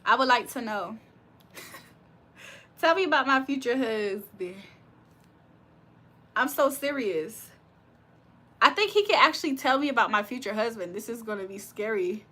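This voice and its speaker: A young woman from Virginia hosts a casual livestream, reading chat comments aloud and laughing often. Her voice is on the high side, expressive and sharp-toned. She speaks at a measured pace and pauses often.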